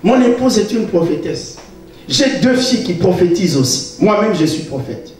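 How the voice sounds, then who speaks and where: A preacher putting on a pushy self-styled prophet. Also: male voice, high voice, sing-song, moderate pace, darkish tone, soft background music, voice pushed down. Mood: insistent. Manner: insistent, claiming divine messages. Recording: echoey church hall, distant mic.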